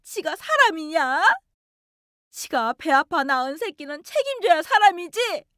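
A woman voicing an older mother-in-law who scolds and wails in a shrill, high voice. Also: pushed and bright, no echo, studio quality, exaggerated voice. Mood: wailing.

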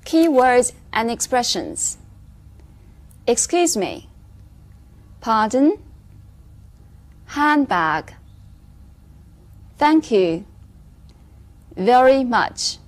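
A woman with a slightly high voice gives a recorded English lesson to Chinese learners. She explains in a clear, measured way and slows down to model the English phrases. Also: big pitch swings. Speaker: English teacher.

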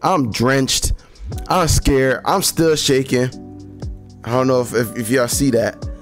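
A hoarse young man hosting a horror game video, talking excitedly in slang and addressing his viewers often. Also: mid-range voice, takes it slowly, soft background music. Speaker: gaming channel host. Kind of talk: horror game reaction and outro.

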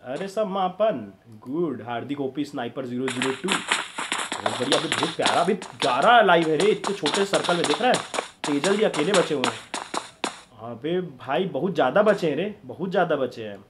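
A fairly high-voiced man calls a live match for his stream, laughing and joking one moment and yelling in the next. Loud constant noise sits under his voice throughout. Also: normal speed. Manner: excitable, shouting during fights, joking. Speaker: game streamer and caster. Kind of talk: live game commentary.

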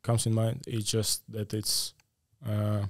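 Man in his thirties from Latvia, podcast guest, flat low voice, dry studio sound, halting delivery. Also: no room sound. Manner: hesitant, many fillers. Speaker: guest, AI consultant. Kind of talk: casual podcast interview. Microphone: studio mic on a stand.

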